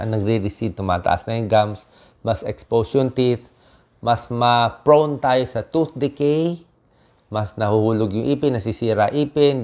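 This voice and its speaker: A man's voice: lowish voice, darkish tone, lo-fi sound. A man, a doctor, giving friendly health tips to viewers in a chatty lesson, checking in often with short tag questions. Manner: conversational, repeats tag questions like "di ba" and "okay". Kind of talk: casual health talk to viewers.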